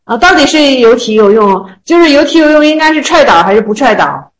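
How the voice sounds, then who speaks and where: A woman teaching Zen koans to a small group. She reads the classical lines slowly, then retells them in a chatty, joking way. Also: high voice, expressive, poor audio. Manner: slow, measured reading of classical text, then chatty colloquial retelling; laughs and jokes with listeners.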